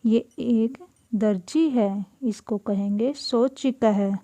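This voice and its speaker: Woman teacher, very slow, deliberate, repeats each word, mellow voice, dry close sound. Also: fairly high pitch, no room sound. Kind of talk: classroom lesson explaining Sanskrit words in Hindi.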